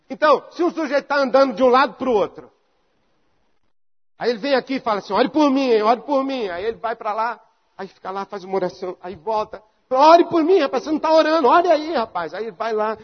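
A man's voice: extremely high pitch, lo-fi sound. A pastor preaching a conversational sermon, acting out little dialogues to make his point.

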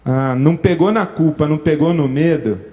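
A man with a Brazilian accent giving an animated, sardonic talk, acting out little scenes as he goes. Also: a little high, moderate pace, muffled recording. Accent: Brazilian Portuguese. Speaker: speaker. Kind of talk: critical talk on religion.

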